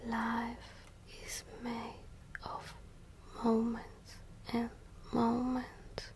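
A woman whispering an ASMR pep talk of positive affirmations in short, repeated phrases with long pauses. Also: a little high, monotone, darkish tone, a little hiss or hum. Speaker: ASMR host.

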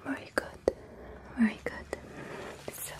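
A woman whispering softly and gently in an ASMR roleplay, caring for someone as a nurse-like caregiver. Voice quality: breathy whisper. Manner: soft, gentle, slow whispering. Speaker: ASMR performer.

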